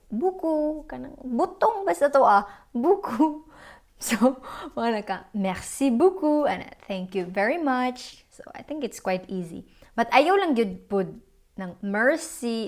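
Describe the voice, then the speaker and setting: A woman with a Filipino accent and Cebuano as her native language, casually teaching beginner French and repeating phrases clearly for learners to follow. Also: fairly high pitch.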